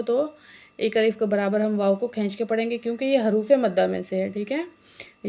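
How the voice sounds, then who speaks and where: A woman teaching Quran reading, spelling out letters and vowel marks, then reciting each word slowly, with quick explanations and frequent checks on the learner. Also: medium pitch, mellow.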